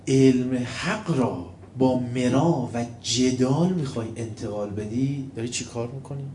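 Guy preaching, gets loud and mocking then drops quiet to tell stories, echoey room. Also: mid-range voice, a little hiss or hum. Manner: animated, swings between loud mocking and quiet storytelling. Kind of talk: sermon with told stories. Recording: echoey room, faint ambience.

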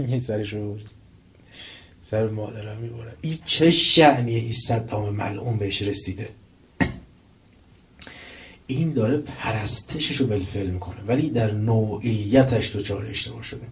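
A male preacher giving a religious lecture, telling stories with rising intensity and reciting verses slowly. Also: on the low side. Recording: dull lo-fi recording.

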